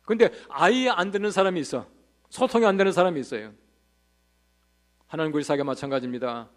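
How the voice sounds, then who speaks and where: A man's voice: a little high, lively intonation, fast talker. A male pastor preaching a revival sermon in a church, telling funny anecdotes and asking the congregation rhetorical questions.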